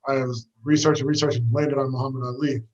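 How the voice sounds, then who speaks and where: A man's voice: medium pitch, little pitch movement, quick pace, dull audio. A young man from the United States, a fighter guest, talking about his past in an easygoing, rambling way with lots of fillers while out on a walk. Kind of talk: casual storytelling interview. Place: walking outdoors.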